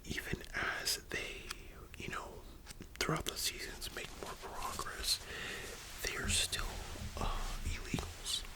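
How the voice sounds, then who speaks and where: An ASMR host whispering softly in a library-style whisper, chatting informally with slangy, opinionated fan commentary. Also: takes it slowly, poor audio. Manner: soft unvoiced whispering throughout.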